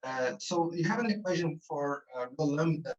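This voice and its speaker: A man's voice: a little high, expressive, normal speed. A man chairing a conference session over a video call and asking the speaker methodical, inquisitive questions. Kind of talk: moderating a conference Q&A. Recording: muffled, fluctuating video-call audio.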